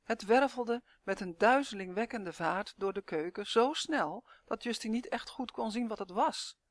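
A woman narrating a children's storybook in a clear, even, expressive reading voice. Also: fairly high pitch, moderate pace, no echo.

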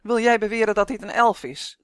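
A huge, bossy giant, as a storybook reader plays him, teases and grumbles with smug self-importance. His voice sits at an ordinary middle pitch. The sound is dry and close. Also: fairly quick, smooth, no room sound, natural voice. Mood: gruff. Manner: smug, booming and teasing. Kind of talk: storybook reading.

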